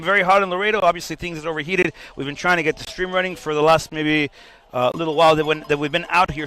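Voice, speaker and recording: A man's voice: sits high, bright, forceful tone. A man giving live play-by-play commentary on a soccer match for a stream.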